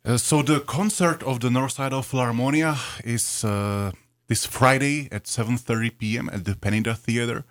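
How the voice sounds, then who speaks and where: A man's voice: medium pitch, normal speed, no room sound, studio quality. A man from Prague with a Czech, continental European accent, giving a radio interview as a guest in polite, formal, careful non-native English. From Prague, Czech Republic. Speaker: guest, orchestra conductor.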